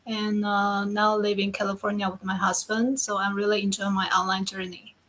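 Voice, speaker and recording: Woman, from taiwan, flat pitch, hesitant, many fillers. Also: moderate pace, low-quality recording. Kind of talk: casual group video chat.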